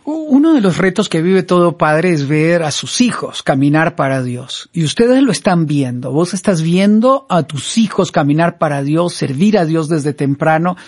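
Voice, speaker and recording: A male host of a church talk show asking guiding questions in a measured way. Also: a little high, animated, husky.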